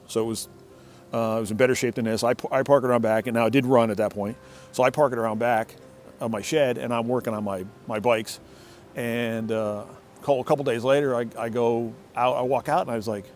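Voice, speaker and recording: A man's voice: on the low side, a little mellow. A middle-aged man telling a casual, rambling story from his shed workshop, often restarting and repeating words. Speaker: motorcycle owner telling a story.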